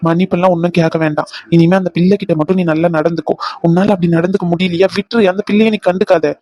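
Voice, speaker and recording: A man's voice: high voice, steady tone, fast, dark tone, no echo, dull audio. Brief: man, earnest family-drama cartoon voice, dry booth sound. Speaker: voice actor for male family members.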